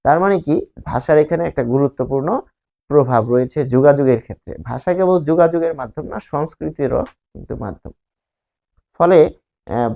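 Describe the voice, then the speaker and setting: A man's voice: medium pitch, vocal fry. A man from Bangladesh, teaching a grammar lesson, explaining slides and asking and answering his own questions. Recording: slightly dull lo-fi recording.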